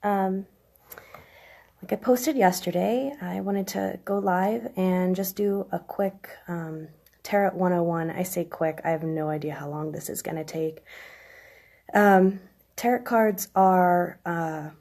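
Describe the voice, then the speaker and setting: A woman in her thirties with a chest cold, hoarse with a smoker's rasp, giving a halting, informal explanation on a live stream. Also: lowish voice, a little mellow. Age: 30s. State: chest cold, coughing and clearing throat. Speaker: live stream host, tarot reader. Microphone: phone.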